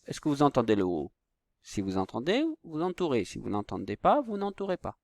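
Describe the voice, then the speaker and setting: A man's voice: medium pitch, very animated, creaky, darkish tone, no room sound, clean studio sound. A man teaching a phonics lesson to young children, patient and stretching out each word. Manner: slow, patient, stretches words out.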